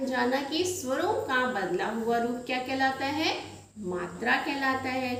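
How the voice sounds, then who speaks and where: A woman teacher giving a slow, patient grammar lesson to children at a board, asking questions and answering them herself. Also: sits high. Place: classroom with a board. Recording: echoey room, mic far off, faint noise.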